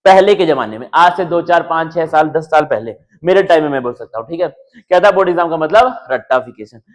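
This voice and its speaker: A young man teaching board exam strategy in a casual, chatty way, slowly reading English lines off slides. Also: on the high side, animated. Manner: casual, addresses students as bhai and yaar.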